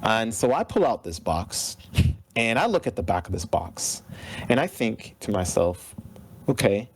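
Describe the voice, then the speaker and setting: A video game composer in his thirties, appearing as a podcast guest, speaks with a lowish voice at a measured pace. He tells stories animatedly, laughs often, and acts out the people he quotes.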